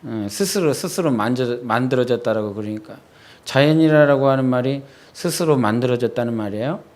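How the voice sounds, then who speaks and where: A male pastor giving a midweek sermon in a church. He talks with the congregation, asks them quick questions, and goes soft and low when he quotes his own prayers. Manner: conversational preaching, quizzing the congregation with quick questions. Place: church sanctuary.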